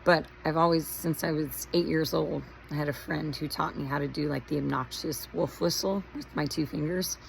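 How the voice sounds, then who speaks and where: Raspy, hoarse woman with a low voice. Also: steady tone, moderate pace, hardly any pauses, slight background noise, rough recording. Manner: rambling, chatty, lots of fillers and tangents. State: hoarse from shouting. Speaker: vlogger. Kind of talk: casual storytelling monologue.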